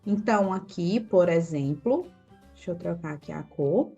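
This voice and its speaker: A woman's voice: on the low side, lively intonation, gravelly, dark tone, dull audio, faint music behind. A woman teaching a language lesson from slides, patiently asking learners questions and drawing out example sounds. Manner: patient, asks learners questions and answers them; draws out example syllables slowly.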